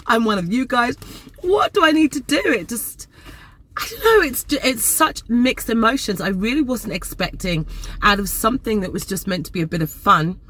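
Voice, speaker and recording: Speaking in a lowish voice, this vlogger is a Nigerian-born woman in her forties chatting animatedly to camera and repeating words to stress them. A little hiss or hum can be heard in the recording.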